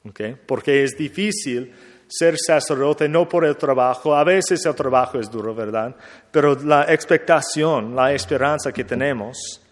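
A man, a priest, preaching a sermon in a slow, reflective way, asking himself questions and repeating them. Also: medium pitch, big-room sound.

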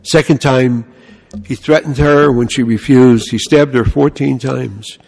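With a gravelly, mid-range voice and an unhurried pace, an older New York-accented priest from the Bronx gives a spirited, story-filled sermon, often saying "huh?" and "you know." The sound is that of a big room.

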